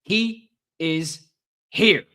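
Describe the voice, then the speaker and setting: A man hosting a live sports podcast, talking in an excitable, hype-driven way and repeating lines for emphasis. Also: on the high side, drawn-out words. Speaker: podcast host. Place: recording in England.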